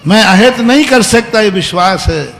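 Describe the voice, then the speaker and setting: A man, a Jain monk, giving a sermon, telling stories with sudden loud emphatic bursts and quiet asides. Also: high voice, expressive, moderate pace, vocal fry. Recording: long hall reverb with faint background hum.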